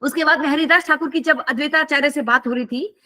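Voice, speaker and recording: High, bright-voiced woman teaching scripture. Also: fairly even intonation, quick pace. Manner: conversational, questions the listeners. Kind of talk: scripture class storytelling.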